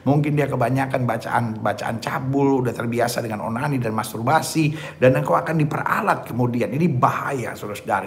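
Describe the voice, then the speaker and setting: A man preaching a sermon, emphatic, often asking his listeners "ya kan?" and calling them "saudara-saudara". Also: medium pitch. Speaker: pastor. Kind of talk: sermon on dating.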